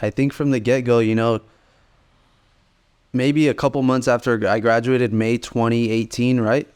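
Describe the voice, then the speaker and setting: A man's voice: mid-range voice, level tone, normal speed, darkish tone, clear, resonant tone. A man in his late twenties telling his story in a laid-back, rambling way as a podcast co-host. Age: 20s. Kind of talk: casual podcast chat.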